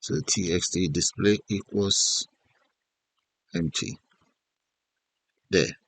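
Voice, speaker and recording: A man giving an unscripted software tutorial as an instructor, thinking aloud in short instructional fragments. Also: low-pitched, slow pace, vocal fry, no echo. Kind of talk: unscripted step-by-step screen tutorial narration.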